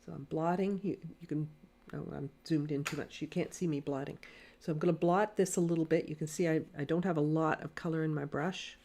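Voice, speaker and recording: A woman teaching watercolor painting in a live lesson, speaking quietly and thinking aloud as she paints, on a desk mic. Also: sits low, steady tone, fairly quick. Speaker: watercolor art instructor. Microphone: desk mic near camera.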